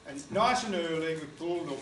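Standing and gesturing widely, the older man delivers a comic spoken-word story to a small folk club, rambling chattily with many asides. His voice sits on the high side, animated and brisk with a fairly bright tone, recorded roomily by a distant camera with slight background noise.

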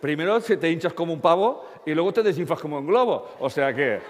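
A man's voice: fairly high pitch, animated, brisk, slight background noise. A man giving a live talk, blunt and joking, often asking the audience questions. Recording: long hall reverb.

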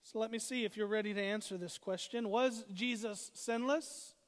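Pastor guy preaching, pretty high voice, keeps hammering points with repeats, big echoey hall. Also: fairly even intonation, moderate pace. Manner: preaching with emphatic repetition and rising emphasis. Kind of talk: sermon.

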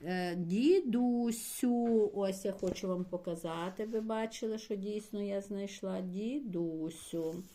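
A woman teacher talks her young pupils through a language lesson at an unhurried, deliberate pace. Her voice sits at an ordinary middle pitch, and she stretches words into syllables as she explains. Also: fairly even intonation, mellow. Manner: slow, patient explaining, addressing pupils directly. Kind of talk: primary school language lesson.

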